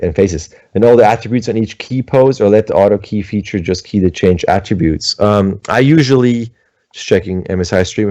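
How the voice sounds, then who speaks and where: A man's voice: fairly low pitch, darkish tone, no room sound, muffled recording. A middle-aged man from Switzerland, an animator chatting casually at home on a livestream and answering questions, rambling with many fillers. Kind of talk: livestream talk and Q&A.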